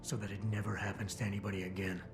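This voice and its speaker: An actor playing a stoic, cool cyborg security chief in a video game, speaking in a terse, restrained, dry way. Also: male voice, fairly low pitch, flat delivery, rapid-fire, music in the background, lightly acted. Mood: firm, restrained. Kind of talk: video game dialogue acting.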